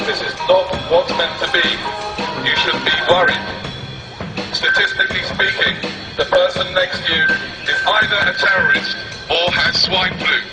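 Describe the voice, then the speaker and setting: A man speaks through a megaphone in a busy street, delivering mock official announcements in a dry, sarcastic tone. His voice sits a little high and carries from a distance with plenty of echo. Loud music plays behind him. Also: huge pitch swings, moderate pace. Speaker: street activist.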